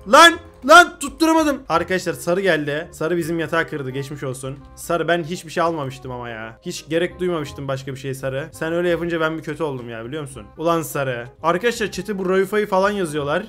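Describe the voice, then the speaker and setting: A young man commentating his gameplay, excitable, shouting at other players and reading chat aloud. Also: high voice. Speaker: gaming YouTuber.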